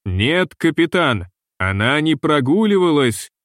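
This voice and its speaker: A man reading the part of a fussy, gloomy ship's purser who speaks slowly and mournfully, in a dry recording. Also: on the high side, big pitch swings, fairly bright tone, no room sound. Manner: slow, mournful and long-winded.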